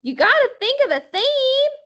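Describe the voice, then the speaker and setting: A woman reading aloud and voicing an excitable, bossy little girl with a high, insistent voice. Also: normal speed, exaggerated voice. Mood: eager. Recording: dull lo-fi audio.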